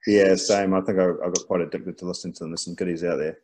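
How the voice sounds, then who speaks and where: A man co-hosting a rugby podcast, relaxed and hesitant, with many ums. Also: low voice, fast talker. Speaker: podcast co-host. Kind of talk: casual podcast chat.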